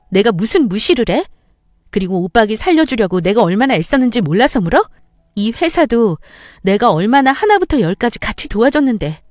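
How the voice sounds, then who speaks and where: A woman acting out a betrayed wife who shouts back with cutting retorts, in a story-radio reading. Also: mid-range voice, dry recording, clean studio sound, natural voice. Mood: indignant. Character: betrayed furious young wife, sharp-tongued.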